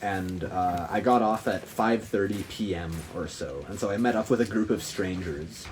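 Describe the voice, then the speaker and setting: A young man speaking in a measured, thoughtful way in a casual chat. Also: sits low, a little hiss or hum, low-quality recording. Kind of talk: casual group chat about dreams.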